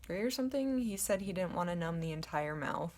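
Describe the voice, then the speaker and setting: A young woman vlogging casually at home to a camera, with a low voice and a rambling, chatty way of talking full of ums. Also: expressive, a little fast, a little mellow. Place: at home, indoors in her apartment. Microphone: camera in front of her.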